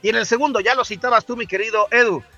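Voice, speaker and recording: A man's voice: very high voice, quick pace, bright, forceful tone, highs cut off, soft background music. A man with a Mexican accent hosting a sports talk show, bantering with jokey wordplay.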